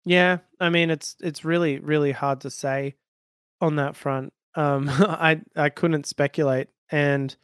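A man co-hosting a podcast, talking in an animated, casual way and laughing easily. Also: fairly high pitch, unhurried, clean tone, dry recording, clean studio sound. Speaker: podcast co-host. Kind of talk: casual tech chat.

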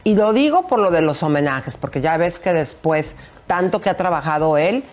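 A woman's voice: fairly low pitch, lively intonation, moderate pace, darkish tone. Chatty woman gossip show co-host. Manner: chatty, addresses audience as comadres. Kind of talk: casual entertainment chat.

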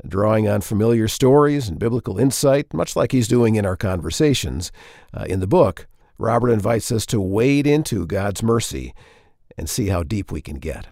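A man hosting a faith podcast, reading an earnest, measured segment introduction close to the mic. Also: on the low side, animated, creaky, darkish tone, no room sound. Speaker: podcast host.

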